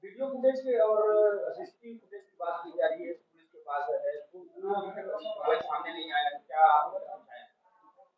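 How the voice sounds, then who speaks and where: A man's voice: sits high, normal speed, long pauses, echoey room, phone-quality sound. A man asking brief, probing questions as a reporter at a press conference, heard from off-mic.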